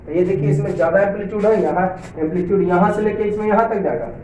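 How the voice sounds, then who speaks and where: High-voiced male science teacher, roomy. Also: a little mellow. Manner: repetitive, asks check questions often; reads English lines slowly, then explains in Hindi. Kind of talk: classroom lecture for students. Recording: roomy, distant, dull lo-fi sound with faint hiss.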